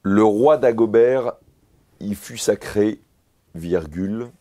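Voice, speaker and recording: A man's voice: lowish voice, takes it slowly, mellow. A man playing a candidate in a comic dictation sketch, answering formally and repeating every phrase with its punctuation.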